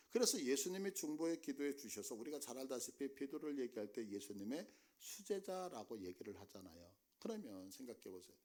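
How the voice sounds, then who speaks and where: A male pastor preaching a sermon in a church, often asking the congregation questions. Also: mid-range voice. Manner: animated, asks the congregation questions.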